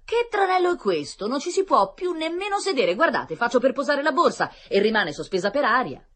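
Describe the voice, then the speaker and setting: A woman voicing an indignant woman on a bus, complaining in a high, outraged voice. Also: sing-song, fairly quick, a bit bright, exaggerated voice. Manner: shrill, outraged. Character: indignant woman passenger with shopping bag.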